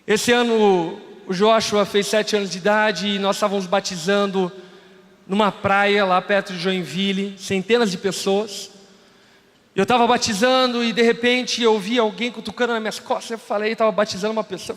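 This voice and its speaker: A Brazilian man, around his thirties, preaches from the pulpit in a fairly high voice. He tells stories and acts out each speaker's lines as he goes. The sound carries a long reverb from a large church hall. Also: steady tone, moderate pace, a bit bright. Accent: Brazilian Portuguese. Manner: storytelling preacher, acts out dialogue. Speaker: pastor. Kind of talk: sermon.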